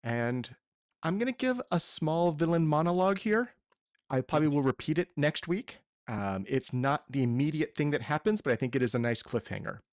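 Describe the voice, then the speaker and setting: A man's voice: a little high, very animated, normal speed, no room sound. A man running a tabletop roleplaying game as game master, explaining rules and narrating what happens.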